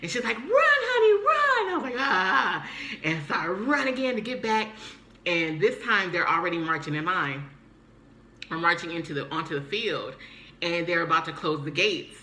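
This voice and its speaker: A young woman recounts her day in a casual vlog, animated and quick to mimic others. Her voice sits low yet sounds bright and forceful. The room rings with echo, and a faint hiss runs beneath. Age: young adult. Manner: animated, acts out quoted voices. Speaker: vlogger.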